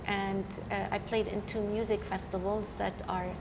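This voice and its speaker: A middle-aged woman from Lebanon, a professional violinist, telling her story in an unhurried way with many fillers. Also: medium pitch, level tone, in a large hall, noisy background. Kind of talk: casual interview chat.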